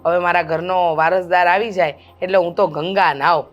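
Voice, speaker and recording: A woman playing a pushy middle-aged mother-in-law who wants a grandson, talking loudly and insistently in a family drama. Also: fairly low pitch, steady tone, moderate pace, muffled recording, faint music behind, natural voice. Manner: loud, insistent, scolding. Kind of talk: amateur family drama acting.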